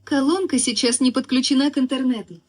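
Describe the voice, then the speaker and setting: High-pitched female smart speaker assistant, slightly husky. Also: fairly even intonation, fast, a little mellow.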